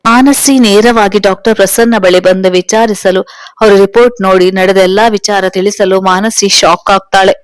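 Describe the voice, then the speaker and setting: A woman's voice: mid-range voice, fairly even intonation, normal speed, no echo. Dry-voiced woman storyteller. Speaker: story narrator. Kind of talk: storybook narration.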